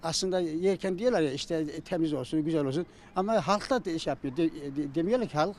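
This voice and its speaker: A middle-aged man from Turkey answering informally in an interview, halting and often stumbling over his words. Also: fairly high pitch. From Çorum, Turkey. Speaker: interviewee, simit seller and retired civil servant. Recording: faint outdoor street noise.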